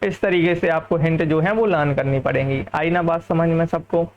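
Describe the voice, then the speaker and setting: A man from India teaching a lively English vocabulary lesson, often checking whether the class has understood. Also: a little high, moderate pace, lo-fi sound.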